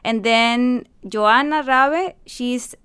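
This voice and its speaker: Costa Rican woman with a clear voice. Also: a little high, very slow, sharp tone. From Costa Rica. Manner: earnest, explains step by step, non-native English phrasing. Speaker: university staff, event organizer. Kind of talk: radio interview guest. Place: radio studio.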